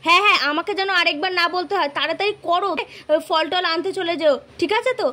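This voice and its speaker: A woman's voice: extremely high pitch, quick pace, bright, forceful tone. A woman playing a bossy housewife who scolds her husband while getting ready for a puja.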